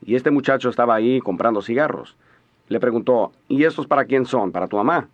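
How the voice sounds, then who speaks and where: A man interpreting a sermon in a steady, measured voice-over. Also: mid-range voice. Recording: dull lo-fi audio.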